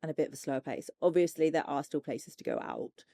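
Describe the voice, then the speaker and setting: A woman's voice: sits low, expressive, fast, warm tone, a little hiss or hum. A woman co-hosting a podcast, easygoing and rambling in casual chat. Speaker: podcast co-host.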